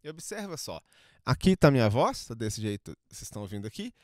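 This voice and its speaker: A man's voice: medium pitch, sing-song, fast talker, no echo. A man teaching microphone technique and moving around the mics as he explains, so his level and closeness keep changing. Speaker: audio tutorial host. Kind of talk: hands-on demonstration. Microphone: studio microphones at shifting distances.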